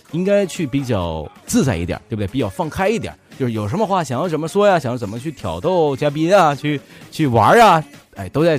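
A man's voice: medium pitch, darkish tone. A man from Northeast China with a Northeastern accent, hosting a radio interview in a playful, teasing, casual way and often repeating his phrases. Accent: Northeastern Chinese. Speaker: online radio talk-show host.

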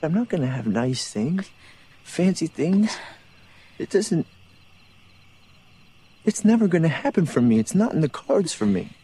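A man's voice: fairly high pitch, sing-song, measured pace, long pauses, dark tone, breathy edge, full character voice. An actor playing a humble young working-class man who speaks earnestly and with resignation. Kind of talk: film dialogue.

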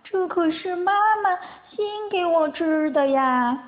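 A woman's voice: extremely high pitch, expressive, takes it slowly, pitched above the performer's own voice, full character voice. A woman voicing a kind, brave little male animal child in a storybook, childlike and tearful, on a tinny phone-like recording.

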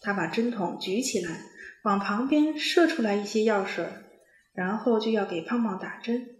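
A woman reading a children's story aloud in a clear, expressive storybook manner. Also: mid-range voice, moderate pace. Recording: echoey room.

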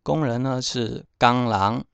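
A man teaching vocabulary, saying each word slowly and repeating it for learners. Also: mid-range voice, creaky, clean tone, no echo. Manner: slow, repeats words for learners. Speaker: language teacher. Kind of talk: explaining vocabulary pronunciation.

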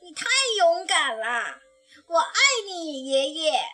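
A woman voicing an eager, curious little bear cub in a children's storybook reading, asking excited wide-eyed questions. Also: high-pitched, normal speed, full character voice.

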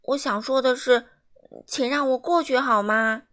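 A woman voicing a rude rich man in a children's storybook, barking gruffly and sighing slowly. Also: high-pitched, a bit bright. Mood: sheepish. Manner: gruff barks, slow sighs. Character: rude rich man, grumpy turned polite.

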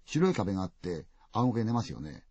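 A man telling a ghost story dramatically, full of vivid sound words and swinging from loud to hushed. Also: on the low side, big pitch swings, fairly quick, slightly rough, dry recording. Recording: dull, dry lo-fi recording.

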